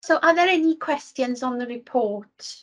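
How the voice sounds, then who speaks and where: This Welsh language officer, a woman from Wales, speaks in a high, expressive voice at a normal pace. She gives the committee an earnest work report over video call, often saying um and starting sentences over.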